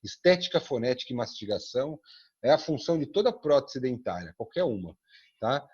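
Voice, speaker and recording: A man's voice: medium pitch, fairly quick, breathy edge. A man with a Brazilian Portuguese accent teaching an online dental prosthetics class, acting out talks with dentists and patients and ending his sentences with a questioning tag. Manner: animated, acts out dialogues with dentists and patients; tags sentences with frequent "né?". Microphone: computer mic on a video call. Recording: dull lo-fi video call audio.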